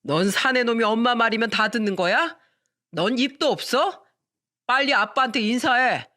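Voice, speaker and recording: A woman voicing a drunk, bossy middle-aged husband and father who scolds loudly with slurred words. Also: on the high side, animated, normal speed, pitched above the performer's own voice. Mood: drunken scolding.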